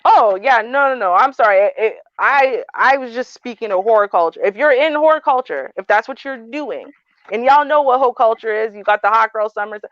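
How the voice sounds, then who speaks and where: A woman's voice: a little high, a little fast, no echo. Frank woman talking in a panel chat, lots of filler words, dry lo-fi sound. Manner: blunt, frank, frequent fillers. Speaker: panel host. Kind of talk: casual panel discussion. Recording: dry, dull lo-fi audio.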